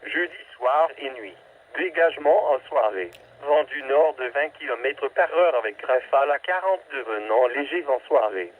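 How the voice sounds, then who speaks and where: Scripted weather forecasts are read by a medium-pitched synthetic male voice with lively intonation at a moderate pace. The phrases are clipped and impersonal, heard as a radio transmission on a narrowband, staticky weather broadcast.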